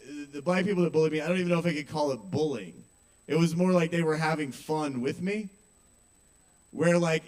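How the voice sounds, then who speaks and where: A young man doing stand-up comedy at an open mic, talking casually, swearing and checking in with the audience. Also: fairly high pitch. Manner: conversational, asks the audience questions, swears. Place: small kava bar with live audience.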